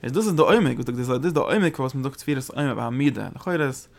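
In an animated religious study lecture, a male Torah teacher talks in halting bursts with a gravelly, mid-pitched voice. He keeps repeating words and starting phrases over, and his voice shoots up high when he wants to drive a point home.

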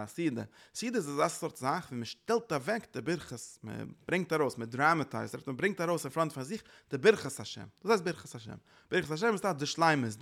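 A man gives a religious lecture in a gravelly voice of ordinary pitch. He speaks earnestly as a teacher and keeps circling back to restate each point. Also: fairly bright tone.

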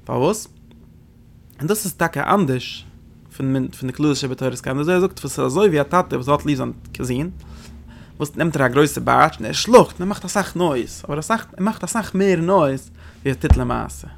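A Torah teacher with a gravelly, creaky, slightly high voice teaches a lesson on religious texts. He speaks quickly and animatedly, explaining as he goes and repeatedly posing rhetorical questions that he answers himself.

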